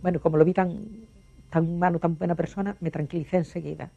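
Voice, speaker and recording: A woman's voice: lowish voice, little pitch movement, fast, vocal fry, dark tone, muffled recording. An older woman from Galicia recalling her past as a documentary witness, vividly acting out the voices in her memories. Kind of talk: personal recollection.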